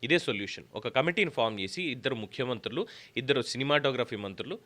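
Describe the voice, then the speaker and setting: A man's voice: medium pitch, animated, fast talker, fairly bright tone. A man delivering an opinion commentary, arguing emphatically with rhetorical questions. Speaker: political commentator.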